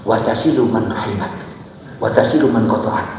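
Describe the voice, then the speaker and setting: A man preaching a dawn sermon to a gathering, switching between loud emphatic bursts and soft asides and asking the crowd questions. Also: fairly low pitch, moderate pace, muffled recording, heavy background noise. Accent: Indonesian. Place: large hall with long reverb. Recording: echoey hall, voice from far off.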